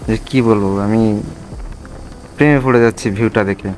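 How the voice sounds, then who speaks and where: Soft music plays behind a Bangladeshi-accented motovlogger who talks casually and reflectively as he rides, speaking from inside his helmet. His voice is lowish and darkish in tone, at a normal speed.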